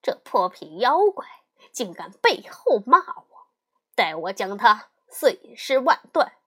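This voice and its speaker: A woman storyteller puts on a cocky male monkey king from a storybook, full of scorn and threats. He talks slowly and grandly. His pitch leaps up and down and sits a little high. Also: sing-song, pushed and bright, full character voice. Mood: scornful. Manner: swaggering, threatening, scornful sneers. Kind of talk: storybook character voice.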